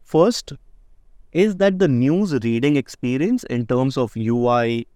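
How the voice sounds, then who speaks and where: A startup founder and CEO appears as a guest, answering interview questions in a casual, emphatic way and often tacking on "right?" Indonesian isn't his first language, and his warm, clear, resonant mid-range voice is animated but slow, recorded in studio quality with no room sound.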